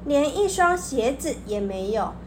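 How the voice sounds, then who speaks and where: A woman telling a children's story in a gentle, expressive way. Her voice sits high and she reads at a slow, unhurried pace. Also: a little hiss or hum.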